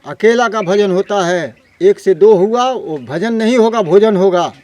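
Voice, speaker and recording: An older man, a forest ascetic, giving spiritual talk and then speaking haltingly and with emotion, recorded outdoors in a forest. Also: high voice, darkish tone.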